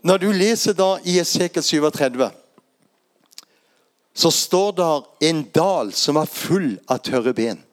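A man's voice: a little high, expressive. An older man with a Norwegian accent preaching a sermon, retelling Bible stories and asking rhetorical questions.

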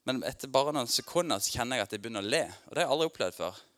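Guy giving a laid-back sermon in a church, mid-pitched voice, lots of ums and restarts, laughs a lot, gets loud and worked up in his story. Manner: informal and chatty, with filler words and restarts, laughing often; grows loud and excited while telling his story. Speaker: preacher. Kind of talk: conversational sermon with personal testimony.

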